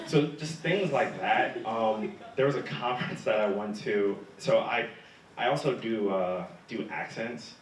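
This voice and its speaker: A man's voice: fairly low pitch, unhurried, roomy sound, recorded from a distance, noisy background. A young man answering interview questions, telling stories with humor and laughing often. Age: young adult. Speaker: guest speaker, graduate student.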